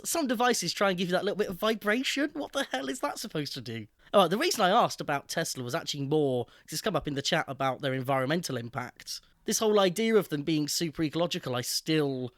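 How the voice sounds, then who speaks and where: A man co-hosting a podcast, voicing firm opinions on technology with deliberate emphasis. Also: a little high, animated, fairly bright tone, no room sound, clean studio sound. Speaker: podcast co-host. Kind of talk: casual tech chat.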